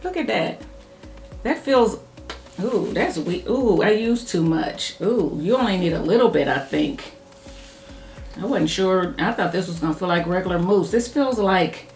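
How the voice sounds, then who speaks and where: Woman hair vlogger, low-pitched, talks quickly and thinks out loud; echoey home room with soft music under her. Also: animated. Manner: chatty, talks fast, thinks aloud while styling her hair. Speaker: hair care YouTuber. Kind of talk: casual hair product review.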